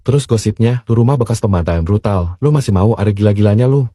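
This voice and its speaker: Fast-talking man with a mellow voice. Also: on the low side, no room sound. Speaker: comedy sketch actor. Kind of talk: comedy skit acting.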